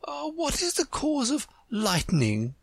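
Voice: high-pitched, wildly swooping pitch, slow, vocal fry, dry recording, pitched above the performer's own voice, exaggerated voice. A reader voicing a timid, muddled, kindly chess queen, a woman with a nervous, rambling way of talking. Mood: anxious.

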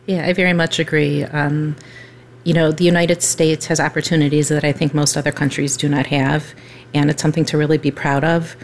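50s woman, low gravelly voice, mayor on a panel, lots of ums. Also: brisk, a little hiss or hum. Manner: steady, frequent ums. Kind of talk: casual discussion.

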